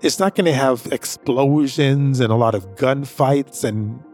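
A man on a story podcast shares a personal anecdote, talking in a relaxed, rambling way that repeats itself. His mid-range, darkish voice runs a little slow, and soft background music plays underneath.

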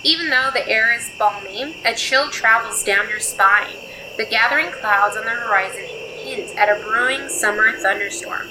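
A woman's voice: a little high, normal speed, background noise. A woman playing a tabletop story game with friends, reading the story cards aloud and explaining the rules.

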